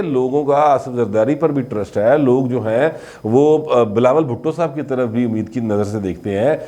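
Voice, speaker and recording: Here a man whose voice is a little high and a little mellow offers casual political commentary in a Pakistani Punjabi accent, drifting back and forth between Urdu and Punjabi as he talks.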